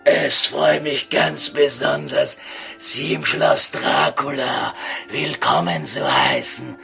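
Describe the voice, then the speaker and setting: A man playing a pompous, evasive old vampire count in a comedy audio sketch, speaking formal, ornate standard German with a gravelly voice. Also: medium pitch, expressive, takes it slowly, pushed and bright, soft background music, heavily acted. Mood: courtly, evasive. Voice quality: gravelly, creaky.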